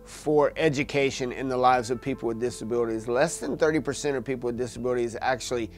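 In a documentary interview set in a gym office before a team banner, a wheelchair basketball coach in his sixties steadily recounts the program's story. His medium-pitched voice is steady and quick, with soft music playing behind him.

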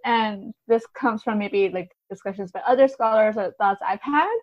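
A woman with a mid-range voice speaks at a moderate pace as a guest in a casual literary podcast discussion. She hedges her points informally, leaning on small fillers and repeating "kind of" and "like." The recording is dry but muffled.

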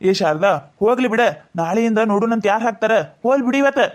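A man's voice: very high-pitched, fast talker. Man voicing a placating village father-in-law. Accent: North Karnataka Kannada. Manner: soothing, pleading for calm. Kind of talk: cartoon voice acting.

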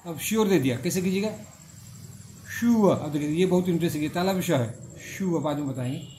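In a phonetics class, a middle-aged man repeats each word and drags it out while explaining, in a slow, repetitive way. His voice sits a little high with a dark tone, and a little hiss or hum is audible.

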